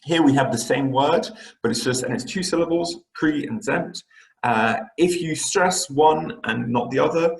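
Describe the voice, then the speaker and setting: Male English teacher giving a recorded lesson; middle pitch, lots of ums and restarts, room echo. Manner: explanatory, frequent fillers and restarts. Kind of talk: online lesson lecture.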